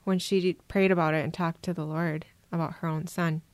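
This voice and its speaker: A woman from Minnesota, a guest on an interview podcast, telling her personal story in a reflective, soft-spoken way. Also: low-pitched, little pitch movement, a little fast, no echo. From Minnesota, USA. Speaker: guest adoptee.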